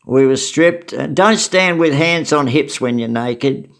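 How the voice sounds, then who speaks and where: A man's voice: medium pitch, unhurried, gravelly, a bit bright. An older Australian man telling memories from his past in a wry, matter-of-fact, casual way. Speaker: storyteller recounting memories. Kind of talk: casual spoken memoir.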